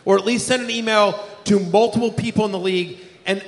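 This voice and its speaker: A man's voice: high-pitched, steady tone, brisk. A man hosting a live podcast before an audience, talking in a playful, rambling, self-mocking way. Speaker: podcast host. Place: large live music venue with audience. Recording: live hall with long reverb.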